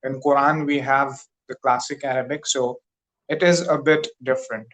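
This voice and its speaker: On a tutoring video call, a Pakistani English teacher whose first language is Urdu speaks carefully and hesitantly, using many fillers in casual conversation practice. His voice is medium-pitched and fairly bright with fairly even intonation, at normal speed. The recording quality is low.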